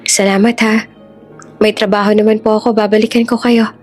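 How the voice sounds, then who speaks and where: Female narrator playing a tired young mother-to-be, soft and steady, audio storybook. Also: medium pitch, a little fast, soft background music, natural voice. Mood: weary. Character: Ella, weary young pregnant waitress, resilient.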